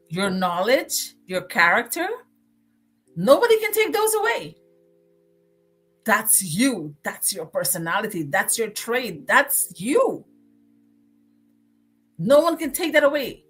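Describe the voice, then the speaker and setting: A woman's voice: mid-range voice, a bit bright, breathy edge. A woman from Guyana with a Guyanese accent, hosting a motivational livestream and preaching, repeating phrases for emphasis. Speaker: livestream host.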